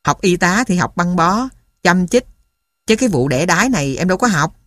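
A man reading a story and voicing a soft-spoken, tactful young woman nurse. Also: high-pitched, expressive, moderate pace, no room sound, clean studio sound. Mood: gentle. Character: gentle young female guerrilla nurse.

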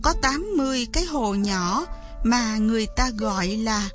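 A woman narrating a folk tale in a measured, expressive storytelling manner. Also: a little high, over music.

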